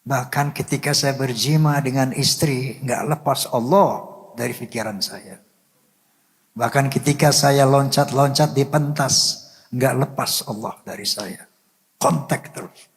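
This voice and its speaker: A man's voice: medium pitch, a little slow. Older devout man, echoing hall. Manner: devout, full of religious phrases; earnest, sometimes drops to a soft murmur. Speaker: guest telling a personal story. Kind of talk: emotional storytelling. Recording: long hall reverb.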